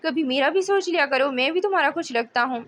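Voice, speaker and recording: Woman narrator doing a sweet teasing young husband, soft and coaxing, audiobook. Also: sits high, lively intonation, a little fast. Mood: affectionate. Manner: tender, coaxing.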